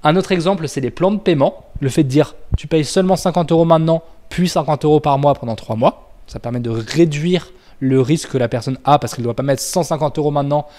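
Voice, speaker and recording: A man's voice: fairly high pitch, fast talker, warm tone. A man giving an informal business lesson to a listener, talking casually with many fillers and self-corrections. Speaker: business trainer.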